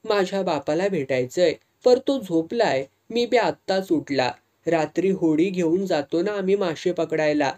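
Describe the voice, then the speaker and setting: A man's voice: high voice, unhurried, darkish tone, recorded from a distance. A narrator doing a cocky young fisherman. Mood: casual. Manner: rustic dialect, teasing. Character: cocky young fisherman, around twenty, mocking.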